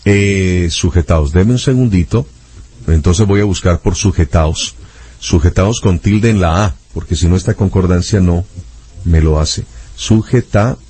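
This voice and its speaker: A man's voice: deep voice, measured pace, warm tone, breathy edge. A man interviewing a guest, reading Bible verses aloud and looking up references as he goes. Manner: methodical, reads verses aloud while searching references. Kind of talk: reading scripture aloud in conversation.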